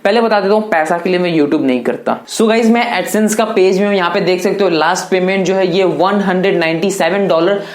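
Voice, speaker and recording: A man's voice: sits high, brisk, few pauses. Chatty 18-year-old man in echoey room. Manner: chatty, loose, keeps calling viewers brother. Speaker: YouTuber answering viewer questions. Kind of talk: casual Q&A vlog.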